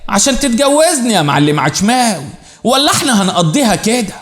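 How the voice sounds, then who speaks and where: A man with an Egyptian accent voicing a bold, sharp-tongued young woman in a story, speaking indignantly. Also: high-pitched, big pitch swings, fast, echoey room. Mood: demanding. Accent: Egyptian Arabic. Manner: indignant, demanding.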